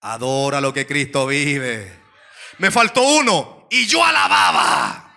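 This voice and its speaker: A male pastor preaching an evangelical sermon, moving between hushed asides and shouted climaxes and calling for amens from the congregation. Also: medium pitch, sing-song, slow pace, gravelly.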